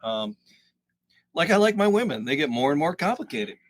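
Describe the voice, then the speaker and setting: A man's voice: a little high, sing-song, moderate pace, no echo. A man co-hosting a casual whiskey tasting podcast, joking and rambling as he talks. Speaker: podcast co-host.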